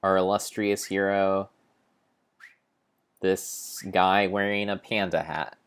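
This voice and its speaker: A low-voiced man improvises mock-epic narration over a video game playthrough, treating it like a grand saga. He's theatrical and solemnly overblown, pausing deliberately and now and then correcting a word, while his tone stays steady and smooth.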